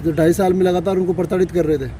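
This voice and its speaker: A male street reporter with a high voice puts brisk, probing questions to a family outdoors. Heavy traffic rumbles in the background. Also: fairly even intonation. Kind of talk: street news interview. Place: outdoors by a road.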